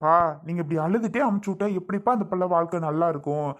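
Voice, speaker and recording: Woman doing a calm big brother, matter-of-fact, keeps telling everyone not to worry. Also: lowish voice, quick pace, lightly acted. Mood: reassuring. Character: calm reassuring elder brother of the family. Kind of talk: family skit acting.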